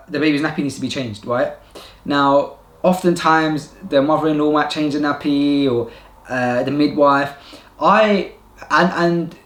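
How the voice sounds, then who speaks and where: Earnest man, higher voice, echoey room. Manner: earnest, repeats points for emphasis. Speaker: vlogger giving advice to new fathers. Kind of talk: casual direct-to-camera advice.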